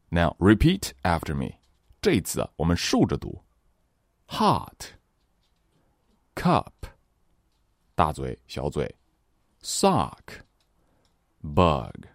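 A man's voice: deep voice, darkish tone, no echo, clean studio sound. A man teaching English pronunciation. He runs repeat-after-me drills, switching between Mandarin explanation and English word models, with playful, vivid comparisons.

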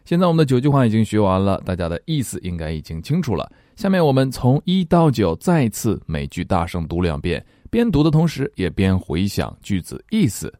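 A man teaching English phrases in a language lesson, reading model sentences slowly and deliberately with quick explanatory asides. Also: lowish voice, wildly swooping pitch, dark tone, dry recording, clean studio sound.

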